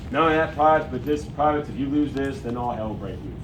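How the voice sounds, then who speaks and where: A man's voice: mid-range voice, fairly quick. A man instructing army recruits as a drill sergeant, profane and commanding, firing questions at them in call-and-response. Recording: roomy, distant mic, noisy room.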